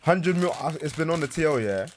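A man's voice: fairly high pitch, lively intonation, fairly quick, a little hiss or hum. A young man with a London roadman accent and heavy slang, insistently putting questions to his friends in casual podcast banter. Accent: London urban slang. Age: young adult. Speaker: podcast host posing questions.

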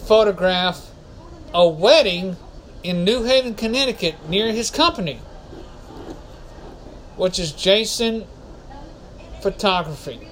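A man's voice: sits high, fairly bright tone, slight background noise, poor audio. A man hosting a casual solo podcast, rambling and often correcting himself. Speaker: podcast host.

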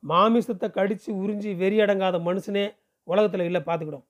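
A man's voice: sits high, fairly even intonation, fairly quick, natural voice. A man voicing a bold, joking village landlord who trades earthy banter in a storybook reading. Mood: teasing.

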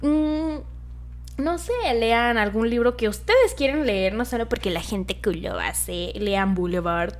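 Slow-talking woman giving gentle advice. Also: fairly high pitch. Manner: affectionate, chatty, laughs often, drops to a soft murmur. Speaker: podcast host. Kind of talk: casual advice monologue.

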